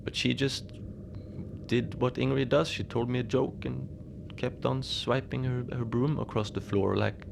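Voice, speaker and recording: In a cozy horror audio fiction monologue, a man portrays a lonely, unbothered polar station keeper recounting strange tales in an understated, conversational way full of small hesitations. His medium-pitched voice carries vocal fry, and he sounds puzzled but matter-of-fact over steady background noise.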